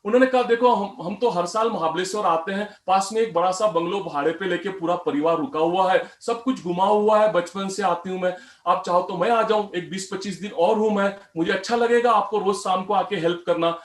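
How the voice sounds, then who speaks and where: A man telling a personal story in an animated way, voicing the customers he quotes. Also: high-pitched, brisk. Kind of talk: storytelling talk. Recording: roomy echo.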